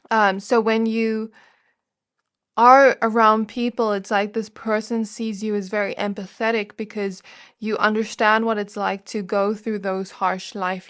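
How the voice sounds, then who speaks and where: A woman hosting a pick-a-card tarot reading, her voice sitting in an ordinary middle range. She speaks to the viewer gently and reassuringly, musing aloud and pausing often to find the right words. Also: mid-range voice. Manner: musing, searching for words with frequent fillers. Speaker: tarot reader.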